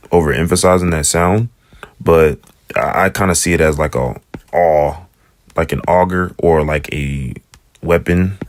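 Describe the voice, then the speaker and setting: A man with a remarkably deep, low voice talks through a lesson in a loose, conversational way, often stopping to slowly repeat sounds. The recording is dry and close, with no room echo. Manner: relaxed, rambling explanations with slow drawn-out sound demonstrations. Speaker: Hebrew teacher. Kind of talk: casual spoken lesson.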